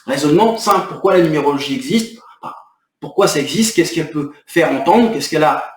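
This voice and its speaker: A man's voice: on the high side, lively intonation, brisk, distant mic. A man talking to camera in an irritated, rambling way, explaining his next video and venting. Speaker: video creator. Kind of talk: agitated talking-to-camera vlog. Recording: echoey room, off mic.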